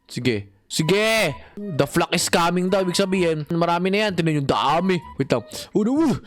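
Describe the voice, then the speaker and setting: Young male game host: high, bouncy, animated play-by-play over light music. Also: normal speed. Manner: animated, talks to viewers and his in-game dog, frequent shouts. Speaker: gaming channel host. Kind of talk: excited gameplay commentary.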